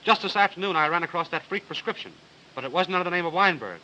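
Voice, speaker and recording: An actor playing a breezy, confident young man with a brisk, reassuring delivery on an early talkie film soundtrack. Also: sits high, expressive, pushed and bright, muffled recording, a little hiss or hum, heavily acted. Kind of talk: 1930s film acting.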